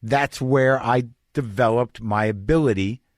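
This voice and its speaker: Speaking at a measured pace with a medium pitch, a middle-aged man hosts a podcast and wanders through a confessional personal story in casual fashion. The sound is dry and studio-clean, recorded on a podcast mic.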